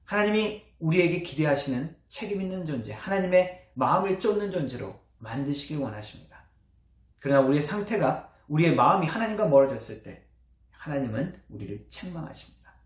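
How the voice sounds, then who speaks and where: A man's voice: fairly high pitch, expressive, brisk. Male pastor preaching in an echoey church. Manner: earnest preaching with rising emphasis and soft trailing endings. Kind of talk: sermon. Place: church sanctuary.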